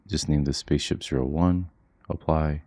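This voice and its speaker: A coding instructor with a very deep, dark voice narrates a screen-recorded software tutorial from home while his children sleep nearby. He speaks at a normal speed in a quiet, low-key monotone, keeping the walkthrough relaxed and chatty with frequent fillers.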